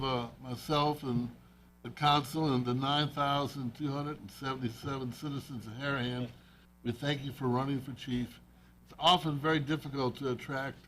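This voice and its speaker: A man's voice: medium pitch, fairly bright tone. A man serving as mayor, chairing a city council meeting in a friendly, joking way. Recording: noisy room with crowd murmur.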